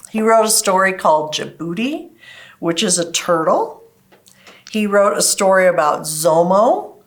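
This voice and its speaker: A woman hosting a children's library program, explaining stories and crafts to kids in simple step-by-step terms. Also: mid-range voice. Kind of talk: children's craft lesson and storytime talk.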